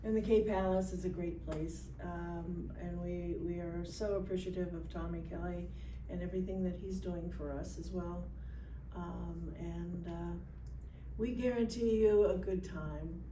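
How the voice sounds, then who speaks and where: A woman's voice: fairly low pitch, fairly even intonation, measured pace, mellow. A woman talking casually as an event organizer in an interview. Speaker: gathering organizer, interview guest. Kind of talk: casual conversational interview talk. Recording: roomy, distant mic, faint noise.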